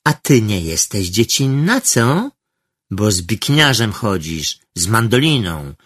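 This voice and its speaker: A man voicing a touchy, boastful teenage boy in a read-aloud story, teasing and quick to take offense. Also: on the low side, big pitch swings, a bit bright, slightly rough, dry recording, studio quality, full character voice. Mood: mocking. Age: about 13.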